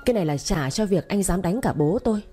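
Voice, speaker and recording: A woman's voice: on the low side, lively intonation, fast, breathy edge, faint music behind. A woman voicing a fierce young wife who speaks through gritted teeth in an audio story. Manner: gritted, forceful. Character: fierce young wife, defiant toward her husband.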